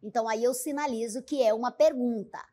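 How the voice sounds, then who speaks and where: A woman's voice: on the high side, brisk, dark tone. A woman teaching a grammar lesson, reading examples aloud with exaggerated intonation and often checking in with the listener. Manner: didactic, checks in with "né?" and "certo?".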